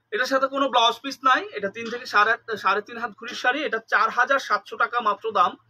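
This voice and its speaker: A man from Bangladesh, chatting through a live sales pitch for sarees, repeating details and slipping English words into his talk. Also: sharp tone, husky, rough recording. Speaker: saree seller on a live stream.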